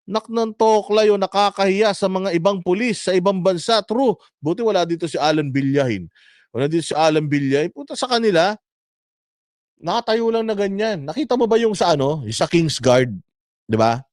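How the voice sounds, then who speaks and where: Guy vlogger ranting, mocking and sarcastic, high voice, dry close sound. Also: lively intonation, moderate pace, darkish tone, no echo. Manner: mocking, sarcastic, swears often. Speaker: vlogger host. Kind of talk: political commentary rant.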